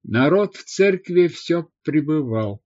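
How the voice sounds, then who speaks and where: A man narrating an audiobook in a measured, expressive scripted reading. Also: on the high side. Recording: slightly dull lo-fi recording.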